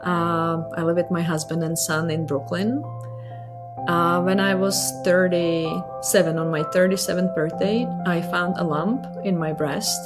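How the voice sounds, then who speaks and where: A woman in her thirties from the Czech Republic with a Czech accent, telling her story slowly with many pauses and fillers. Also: on the low side, steady tone, music in the background. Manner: hesitant, many fillers, reflective. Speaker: patient sharing her story. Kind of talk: personal testimony interview.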